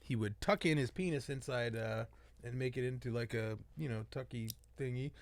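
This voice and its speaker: A man's voice: mid-range voice, normal speed. A man co-hosting a comedy podcast, telling rambling, crude stories with plenty of swearing. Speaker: podcast co-host. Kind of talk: casual comedy podcast chat.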